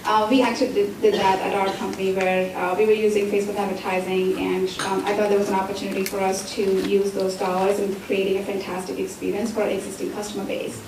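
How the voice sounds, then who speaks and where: A woman's voice: medium pitch, flat delivery, quick pace, few pauses, background noise. A woman who founded a company, speaking hesitantly with many fillers on a discussion panel. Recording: echoey hall, distant mic.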